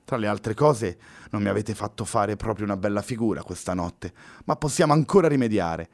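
A man's voice: lowish voice, fairly quick, a little mellow, close to an everyday voice. A man reading a story aloud, voicing an arrogant, cold male villain who threatens and sneers. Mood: manipulative.

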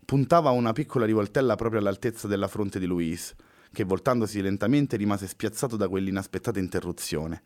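A man reading a novel aloud in a steady storytelling manner. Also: fairly low pitch, a little fast, no room sound. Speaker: narrator. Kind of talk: audiobook narration.

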